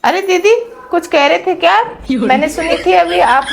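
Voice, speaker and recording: A woman playing a nosy relative in a comedy skit, questioning why there is shouting. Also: very high voice, moderate pace, gravelly, noisy background. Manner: nosy, probing. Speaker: sister-in-law in a comedy skit. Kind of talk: comic skit acting.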